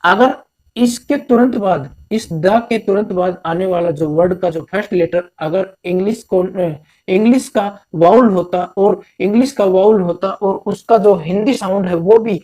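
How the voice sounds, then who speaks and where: A man from India teaching a grammar lesson, repeating each point slowly and mixing English terms into his Hindi. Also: sits high, dark tone.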